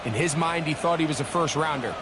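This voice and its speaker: A man's voice: on the high side, fairly quick, very noisy, natural voice. A man giving conversational, emphatic analysis as a football color commentator.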